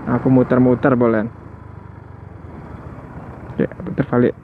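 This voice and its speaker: With little pitch movement and a measured pace, the man speaks in a mid-range voice while riding a motorbike on night city streets. A chatty motovlogger, he muses aloud to his viewers and chuckles now and then; his headset helmet mic is tinny and drowned in road noise.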